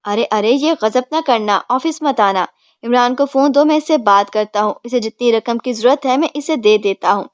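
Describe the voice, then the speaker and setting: A woman voicing a blustering older father, startled and gruff but quickly cowed by his wife. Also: extremely high pitch, no room sound, clean studio sound. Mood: alarmed. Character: blustering rich older father, easily flustered.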